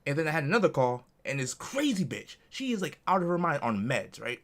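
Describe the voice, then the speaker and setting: A man's voice: fairly high pitch, big pitch swings, a little fast, a bit bright. A man co-hosting a podcast, telling a work story in casual chat, acting out callers in different voices and swearing freely. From Connecticut. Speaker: podcast co-host.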